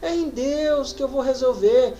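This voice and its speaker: A woman preacher with a Brazilian Portuguese accent, reading scripture slowly and then preaching with rising emphasis. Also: high voice, lo-fi sound, noisy background. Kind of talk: sermon. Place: church.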